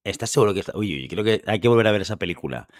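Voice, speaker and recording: Deep-voiced chatty man. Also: expressive, racing, no echo, clean studio sound. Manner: chatty, keeps tagging lines with a questioning "eh". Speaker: podcast host. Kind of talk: casual podcast chat.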